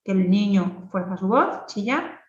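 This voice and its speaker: A woman's voice: mid-range voice, measured pace, distant mic, dull audio. Woman lecturing in an echoey room. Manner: lively, explanatory, many tag questions. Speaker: speech therapist lecturer. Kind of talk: clinical lecture.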